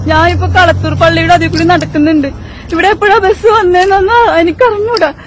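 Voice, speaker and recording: A woman's voice: very high voice, steady tone, brisk, music in the background. A middle-aged woman vlogging on her phone while walking outdoors, talking in a plaintive, resigned way to her followers. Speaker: vlogger filmed in a clip. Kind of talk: selfie vlog update. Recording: noisy street phone recording. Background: street traffic and crowd noise.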